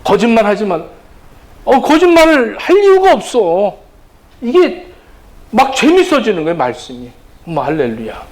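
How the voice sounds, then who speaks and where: A middle-aged male pastor preaching a sermon, animated and acting out quoted lines in different voices. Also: high-pitched, moderate pace, pauses often, poor audio.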